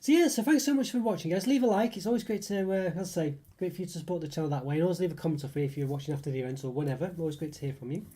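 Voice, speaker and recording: A British YouTube food reviewer, congested from a cold, rambles through a casual snack-review live stream, hedging and filling it with fillers. His slightly high, warm voice races along with few pauses.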